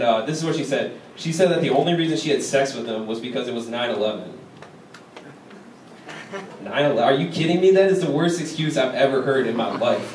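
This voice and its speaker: Young adult male stand-up comic, American, casual talky delivery, recorded from afar with clear background noise and audience laughs. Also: medium pitch, darkish tone. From Chicago, United States. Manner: casual, conversational delivery with frequent "like". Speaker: stand-up comedian. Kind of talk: stand-up comedy set. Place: live stand-up show in a university venue. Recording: echoey, distant, noisy live room recording. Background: crowd laughter.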